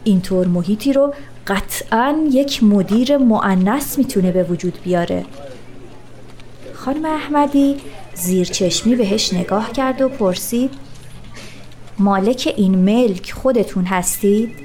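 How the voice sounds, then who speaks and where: A woman's voice: on the high side, lively intonation, a little mellow. A woman giving scripted narration of a story, speaking earnestly and asking pointed questions.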